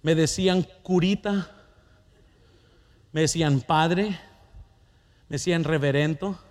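A man's voice: a little high, takes it slowly, a little mellow. A middle-aged man preaching a sermon, telling a personal story and asking the congregation questions.

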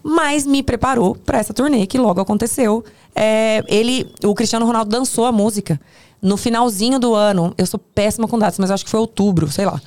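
A podcast guest who works as a tour producer recounts work stories in a slightly high voice, speaking fairly quickly with a Brazilian Portuguese accent. Her casual telling is animated and hyperbolic, full of self-interruptions.

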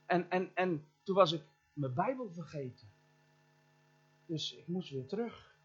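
Lively high-voiced middle-aged male preacher. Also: unhurried, slightly rough, soft background music. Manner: animated, addresses the congregation directly; imitates sounds and voices in his story. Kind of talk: storytelling sermon. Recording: dull lo-fi church recording.

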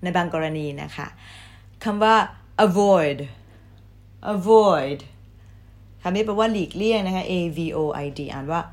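Slow-paced woman teaching vocabulary. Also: lowish voice. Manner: repeats each English word twice, louder and slower; polite, ends phrases with soft particles. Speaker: English teacher. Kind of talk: vocabulary lesson.

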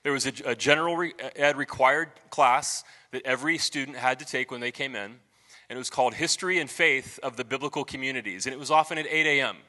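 A male pastor giving a sermon in a church sanctuary, his bright, forceful voice carrying a long hall reverb. He talks conversationally and keeps putting questions to the congregation. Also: medium pitch, quick pace.

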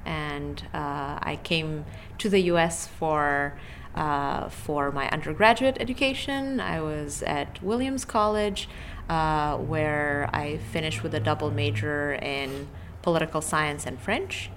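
Academic guest: woman in her thirties, lower voice, measured and hesitant. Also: slight background noise. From Romania. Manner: thoughtful, hesitant, many fillers and restarts. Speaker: political science professor, podcast guest. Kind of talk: podcast interview answers.

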